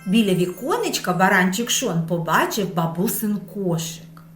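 A woman's voice: medium pitch, sing-song, moderate pace. Sing-song woman teaching small children. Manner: sing-song, stretching words to show stress. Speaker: preschool teacher. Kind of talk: slow lesson for small children. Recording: echoey room with faint music.

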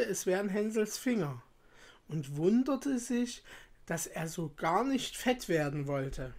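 A woman reading a fairy tale aloud in a calm, measured storytelling voice. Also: lowish voice.

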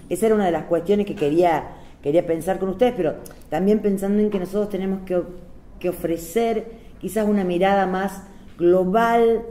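A woman's voice: lowish voice, mellow, slight background noise. A woman with a Córdoba Argentine accent gives a conversational lecture to teachers on a panel, peppering it with fillers and tag questions. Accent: Argentine Spanish, Córdoba. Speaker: panel speaker on civic education. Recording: echoey hall with faint ambience.

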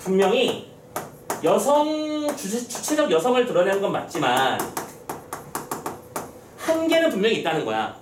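A man's voice: high voice, sing-song, normal speed, long pauses, echoey room, recorded from a distance, noisy background. A male teacher giving an exam-prep literature lecture, constantly checking in with his students.

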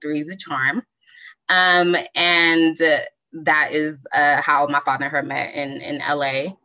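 Young woman, low bright voice, measured personal storytelling, video call guest. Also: level tone, rough recording. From Southern California. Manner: measured, many ums, reflective. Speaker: panel guest.

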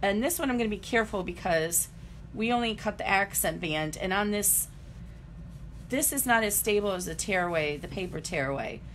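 A woman's voice: medium pitch, expressive, moderate pace, fairly bright tone. Woman, chatty live-stream craft demo, step-by-step talk, faint background noise. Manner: chatty, greets viewers, talks through each step. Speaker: embroidery demonstrator.

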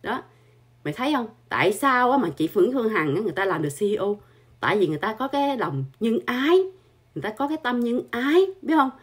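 A woman's voice: a little high, very animated, fast talker, husky. A woman, hosting her channel with an angry, scolding monologue full of insults and filler particles. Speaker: channel host.

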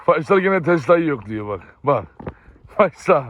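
A man filming a casual farm vlog, chatting to viewers while calling and calming his dogs outdoors. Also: on the high side, moderate pace, dull audio.

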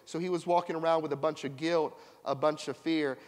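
A man's voice: on the high side, steady tone, brisk. A man preaching a sermon to a congregation, calling on them to repeat lines back to him. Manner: preaching with call-and-response to the congregation. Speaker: pastor. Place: church sanctuary. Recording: long church reverb.

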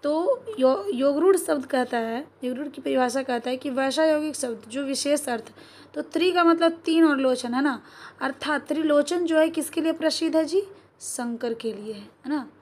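A woman teacher with a Bihari Hindi accent goes through exam questions, asks her class questions and answers them herself, and keeps checking whether it is clear. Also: high voice, a little mellow.

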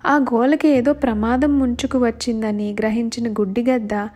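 A woman narrating a children's bedtime story in a measured, expressive way. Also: on the high side. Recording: faint background music.

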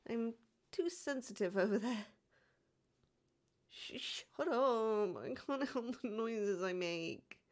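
A man voices a shy young catboy demon who fakes toughness in an intimate roleplay, his pitch sitting high, speaking slowly in an expressive, exaggerated style. The character sounds sleepy and pouty, hesitating, stammering and softly sighing.

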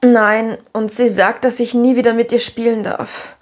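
A woman voicing a gentle, practical young girl who speaks softly and earnestly in an audiobook. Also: on the high side, level tone, moderate pace, close to an everyday voice. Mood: sad.

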